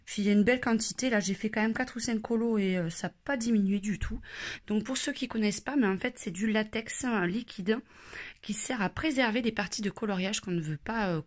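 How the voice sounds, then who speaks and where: A woman's voice: medium pitch, brisk. A woman chatting casually through a craft shopping haul, with many hesitations. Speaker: craft vlogger.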